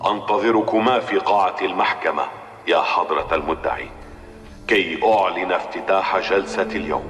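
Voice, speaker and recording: A man's voice: low-pitched, a little fast, fairly bright tone. A man playing a solemn judge presiding over a court of conscience, speaking formally in an old radio drama broadcast. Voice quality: formal, ceremonial. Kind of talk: 1970s radio acting. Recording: old radio broadcast with long reverb and faint music.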